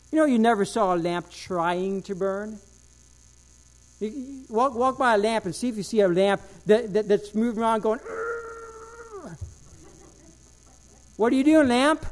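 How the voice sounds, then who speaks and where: Fervent high-voiced male preacher. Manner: fervent, rising and falling emphasis, repeats phrases. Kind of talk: sermon.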